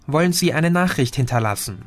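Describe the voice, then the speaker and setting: A man's voice: fairly high pitch, animated, fairly quick, pitched above the performer's own voice, lightly acted. A man reading an audiobook, voicing a friendly, formal female hotel receptionist. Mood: polite. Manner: polite, formal.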